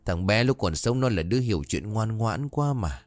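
A wise old grandmother who speaks gently and reassuringly, voiced by a man. Her voice sits low and dry, with faint music behind. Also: expressive, normal speed, no echo, lightly acted. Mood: soothing.

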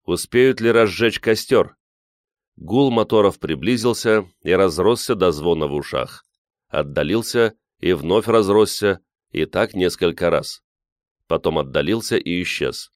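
A man narrates an audiobook in a measured, even way. His voice is very low and dark. The recording is dry and close, with no room sound. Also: dry recording. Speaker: audiobook reader. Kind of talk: scripted narration.

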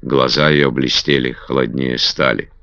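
A man with a very deep voice reads a novel aloud with steady drama. The recording is dry and muffled. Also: unhurried, gravelly, dry recording. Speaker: audiobook narrator. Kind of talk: scripted narration. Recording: dull dry audiobook recording.

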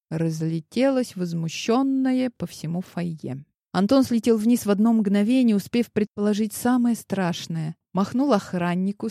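A woman narrating an audiobook with lively storytelling. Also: medium pitch, creaky, dry recording, clean studio sound. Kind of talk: scripted narration.

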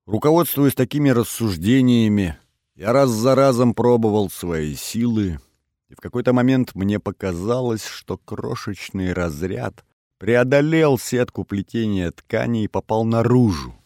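A man's voice: lowish voice, expressive, a little slow, warm tone, dry recording, clean studio sound. A man narrating a first-person audiobook in a wry, ironic storytelling manner.

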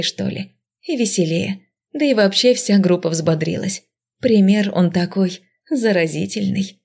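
A woman narrating a fantasy romance audiobook in first person, lively, jumping high for the heroine's squeaky lines.

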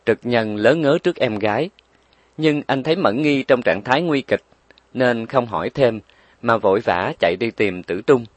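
A man's voice: medium pitch, moderate pace, dry recording. Man narrating a story, dry close sound. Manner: steady, expressive reading. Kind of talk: story reading.

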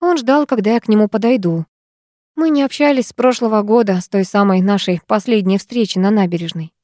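A woman narrating a first-person audiobook story in a measured, expressive way. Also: medium pitch, no room sound, clean studio sound.

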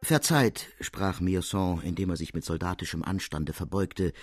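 A man narrating a classic story in a measured, expressive audiobook reading, with a husky voice, close to the mic. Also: low voice, soft background music.

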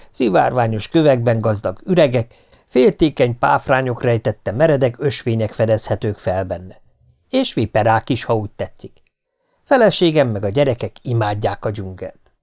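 A man's voice: mid-range voice, darkish tone. Man narrating an audiobook, mock-solemn. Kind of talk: scripted narration.

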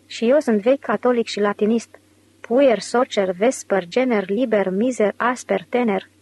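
A woman's voice: on the high side, darkish tone, breathy edge, rough recording. A woman reading the part of a brash, scheming male con man in an audiobook, with a mocking, argumentative way of talking.

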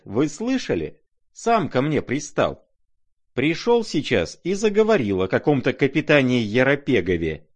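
Male reader voices a sneering young man, sarcastic, pitched up, lively. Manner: sarcastic, needling.

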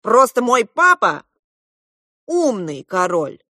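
A woman reading aloud, voicing a calm, sly young boy prince in a measured, matter-of-fact way. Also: a little high, dry recording, studio quality, voice pushed up, heavily acted.

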